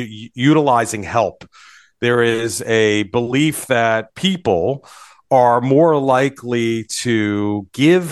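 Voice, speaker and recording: Low voiced guy, podcast guest explaining stuff in a measured way, dry close sound. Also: no echo. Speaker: financial advisor, podcast guest. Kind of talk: conversational interview.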